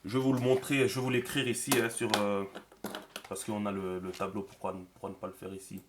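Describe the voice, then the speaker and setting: Relaxed man teaching, lowish voice. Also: fairly quick, noisy background. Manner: relaxed, thinking aloud with many fillers. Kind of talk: screen tutorial.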